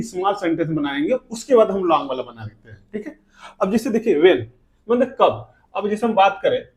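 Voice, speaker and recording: A man with an Indian English accent teaching an English lesson, saying each example slowly and glossing it in Hindi. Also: sits high, darkish tone. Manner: slow, repeating words with Hindi glosses. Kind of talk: classroom lesson.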